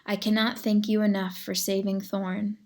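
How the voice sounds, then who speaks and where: A woman's voice: medium pitch, level tone, moderate pace, natural voice. Firm motherly bear, as a woman puts her on. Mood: apologetic. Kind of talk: storybook reading.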